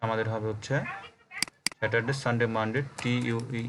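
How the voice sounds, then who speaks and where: A man's voice: fairly low pitch, completely flat delivery, fairly quick, background noise. A man from Bangladesh teaching a programming class on a call, explaining step by step and often checking that students follow. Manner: explains step by step, spells words letter by letter, checks understanding often. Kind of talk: live coding lesson on a call.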